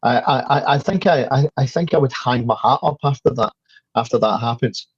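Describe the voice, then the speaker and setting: A man's voice: mid-range voice, fairly quick, slightly rough, no echo, lo-fi sound. A man with a Scottish accent, a guest in a casual chat, who often stumbles over his first words. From Scotland. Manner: repeats words when starting sentences, chatty. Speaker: guest, fundraiser.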